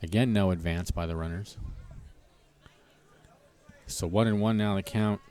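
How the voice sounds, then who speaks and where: A man calls live baseball play-by-play in a somewhat low voice. He keeps the count steady and easygoing, tossing in wry little jokes between pitches. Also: a little slow. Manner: relaxed, jokey asides between pitches.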